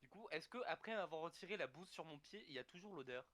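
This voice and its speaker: A man's voice: a little high, lively intonation, fast talker. A man playing a tabletop role-playing game with friends, talking hesitantly with many fillers. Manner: hesitant, filler-heavy, bursts into shouts. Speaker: player. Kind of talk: casual tabletop role-play.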